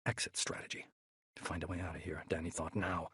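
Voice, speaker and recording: A man narrating a thriller audiobook in a measured, steady way, close to the mic. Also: low-pitched, slightly rough, no room sound.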